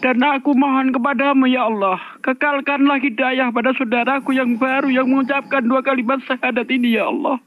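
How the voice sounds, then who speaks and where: A man's voice: extremely high pitch, steady tone, brisk, few pauses. A man leading a fervent spoken prayer, repeating a refrain after every phrase. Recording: thin, dry phone-line audio.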